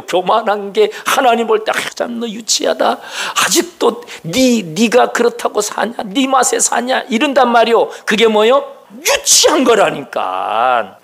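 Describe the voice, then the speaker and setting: A man preaching a sermon as pastor, firing questions at the congregation and dropping into hushed whispers for emphasis. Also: high voice.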